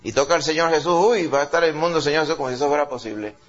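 A man's voice: fairly high pitch, rapid-fire. A man preaching a sermon, telling the story dramatically and building up to emphatic peaks. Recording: dull lo-fi recording.

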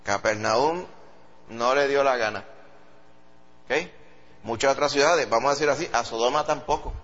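A man preaching a sermon with a Puerto Rican accent, animated and acting out quoted voices. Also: moderate pace. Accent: Puerto Rican Spanish. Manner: animated, acts out quoted voices in a high pitch. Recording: dull lo-fi sound.

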